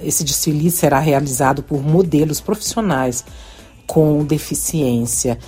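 A woman's voice: low-pitched, a little slow, dark tone, slightly rough. A woman from Brazil, a singer, speaking earnestly in an interview and often tagging her sentences with little questions. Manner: earnest, frequent tag questions. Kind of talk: interview soundbite.

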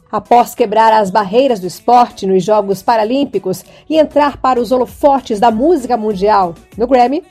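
Brief: woman news correspondent, mellow and fairly high voice, formal scripted read over faint music. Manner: measured, formal delivery.

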